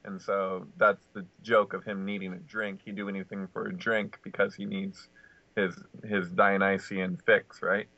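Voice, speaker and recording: A man in casual podcast chat, talking in a halting way with constant "like" and many restarts. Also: sits low, level tone, bright, forceful tone. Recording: dry, lo-fi audio.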